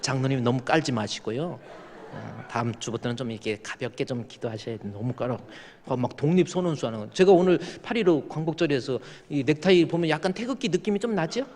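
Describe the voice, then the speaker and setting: A male pastor preaching a sermon, joking with the congregation and rising to loud, fervent prayer. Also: mid-range voice, expressive, quick pace. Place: church sanctuary. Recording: church hall with long reverb.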